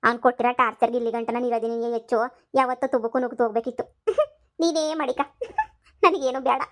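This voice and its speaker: A woman voicing a bitter, sharp-tongued middle-aged village wife in a cartoon comedy, scolding and dismissive. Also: on the high side, flat delivery, rapid-fire, natural voice.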